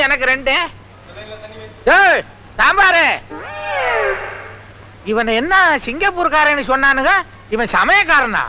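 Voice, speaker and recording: A man in a film comedy scene, scolding and sarcastic, picking quarrels. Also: extremely high pitch. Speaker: comic actor in film scene.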